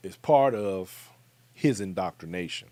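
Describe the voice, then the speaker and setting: An American man delivers commentary with an emphatic, direct manner, often addressing his viewers. His pitch swings widely as he speaks. The sound is dry and close, with no room around it. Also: lively intonation, unhurried, mellow, no room sound. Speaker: commentary show host. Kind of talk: talk-show commentary.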